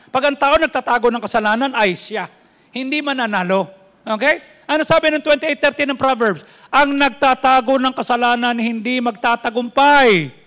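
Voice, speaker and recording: High bright-voiced Filipino pastor preaching. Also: male voice. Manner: preaching in mixed Tagalog and English, quoting verses, asking the congregation questions. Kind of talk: sermon. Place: church. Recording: long church hall reverb.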